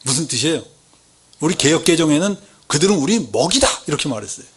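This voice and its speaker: A man preaches a Sunday sermon in a church, with a voice that sits high. He tells stories, puts questions to the congregation and acts out quoted lines with wide swings in pitch. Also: quick pace. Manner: lively storytelling, asks the congregation questions. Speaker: lay preacher.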